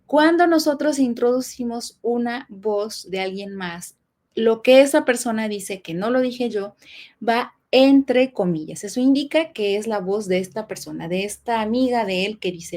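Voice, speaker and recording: A woman's voice: fairly high pitch, expressive, unhurried, a little mellow. A woman teaching a lesson on punctuation, explaining patiently with fillers and checking questions.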